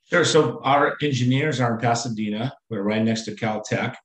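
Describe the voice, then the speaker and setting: A man speaking as a company executive in a business interview, halting with many fillers and restarts. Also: mid-range voice, echoey room, low-quality recording.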